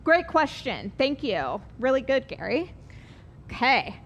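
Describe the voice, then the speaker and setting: A woman's voice: high-pitched, very animated, measured pace, lo-fi sound, slight background noise. A woman teaching a live online cooking class, chatty and upbeat, explaining each step as she works.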